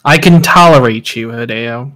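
A man's voice: medium pitch, moderate pace, crowd noise, natural voice. A young man voicing a sarcastic, exasperated teenage hero-student boy in a fan role-play podcast, dry and scolding.

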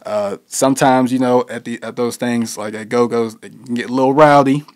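A young man talks through an interview in an easygoing, unhurried way. His answers wander and loop back, padded with "you know" and "like". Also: medium pitch, fairly even intonation, a little mellow. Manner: laid-back, heavy with fillers like "you know". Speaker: interview guest, musician. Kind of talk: casual interview conversation.

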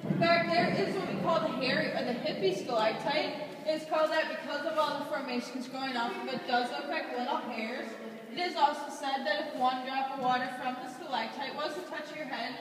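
A high-pitched woman gives a cave tour guide's rehearsed narration, laying out facts and safety instructions. She is heard from a distance inside a heavily echoing cave, through a passenger's camera. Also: steady tone, a little fast, crowd noise. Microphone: camera held by a passenger, away from speaker. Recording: echoey cave, distant handheld camera, loud noise.

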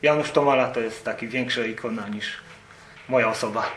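A man's voice: mid-range voice, fairly quick, a bit bright. A man gives modest, guarded answers in a casual interview. His voice sits in a roomy space with a faint hiss of outdoor noise, and he keeps his replies short and plain. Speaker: guest, amateur football goalkeeper.

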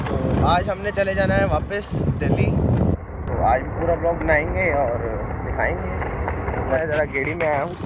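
A young man with a slightly raised voice chats excitedly to his viewers, filming himself on a handheld phone. Loud road and traffic noise runs under everything he says. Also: a little high. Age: young adult. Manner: chatty, excited, talks to viewers while filming. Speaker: vlogger. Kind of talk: casual travel vlog narration. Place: outdoors on streets, then inside a moving car. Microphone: phone camera at arm's length.

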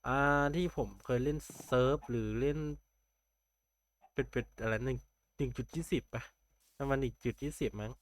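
A man's voice: mid-range voice, normal speed, pauses often. A young man casually commenting on his Minecraft game, thinking aloud and chatting with viewers. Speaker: gameplay streamer.

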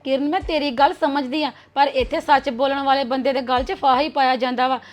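A young actress playing a cautious, gossiping elder sister-in-law who talks in a confiding manner. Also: female voice, high-pitched, fairly even intonation, a little fast, close to an everyday voice. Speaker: actor. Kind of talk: web series drama acting.

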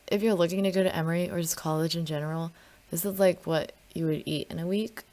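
Jovem universitária com ceceio de aparelho de contenção. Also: female voice, lowish voice, fairly even intonation, fast, warm tone. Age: young adult, college student. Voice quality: slight lisp from wearing a retainer. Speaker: student vlogger. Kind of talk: casual chat to camera. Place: small dorm room, indoors.

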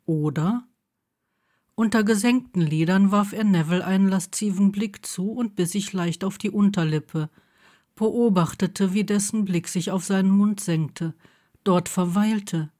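A woman narrating a romance story as an audiobook in a measured, intimate reading. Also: medium pitch, dark tone.

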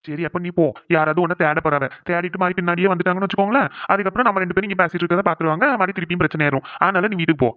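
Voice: medium pitch, rapid-fire, hardly any pauses, no room sound, lightly acted. A performer voicing a worried young man in a cartoon who soothes and coaxes his tearful sweetheart. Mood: coaxing. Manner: soothing, coaxing. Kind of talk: cartoon voice acting. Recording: dry, tinny phone-like sound.

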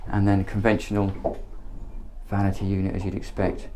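His voice is low, dark and monotone at a moderate pace, with a little hiss or hum in the recording. Even so, this Englishman's ad-libbed walkthrough of a motor boat at a marina is chatty and enthusiastic, shot handheld as he moves between decks and cabins.

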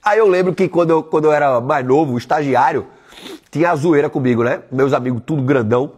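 Blunt, husky-voiced man. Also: on the high side, quick pace, a little mellow. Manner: blunt, profane, emphatic; tells stories and voices the people in them. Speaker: online weight-loss coach. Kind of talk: live-stream motivational talk.

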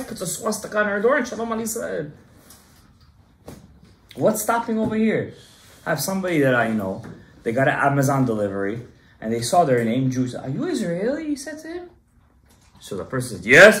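A man in his thirties, a rabbi giving an emphatic Torah class to a small group and quizzing his listeners. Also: a little high. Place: synagogue study room, indoors. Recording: roomy echo.

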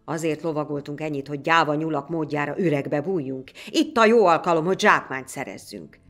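A woman's voice: low voice, soft background music. A woman voicing a hot-headed, fierce male soldier in a told folk tale, speaking fiery and scornful.

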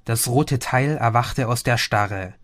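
A man reading a science fiction audiobook as narrator, in a calm, measured storytelling manner. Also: medium pitch, dry recording, clean studio sound. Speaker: audiobook reader. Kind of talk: scripted narration.

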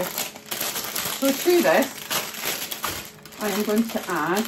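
A middle-aged woman, chatting slowly and thinking aloud as she preps food in her home kitchen. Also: medium pitch. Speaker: cooking vlogger. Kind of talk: casual cooking chat. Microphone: phone camera held nearby. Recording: noisy home kitchen ambience.

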